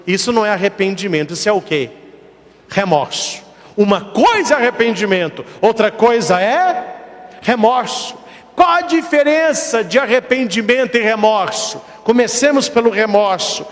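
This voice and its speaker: A man with a high, very lively voice preaches a sermon as a priest. He tells stories, acts out short exchanges and asks rhetorical questions. His voice rings out with a long hall reverb. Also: moderate pace. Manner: storytelling with acted dialogue and rhetorical questions.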